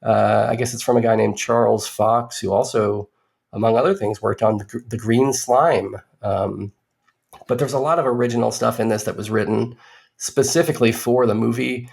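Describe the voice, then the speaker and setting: A man's voice: medium pitch, fairly even intonation, moderate pace, vocal fry, darkish tone. A man co-hosting a podcast, giving a casual movie review in a rambling way with dry, sardonic asides.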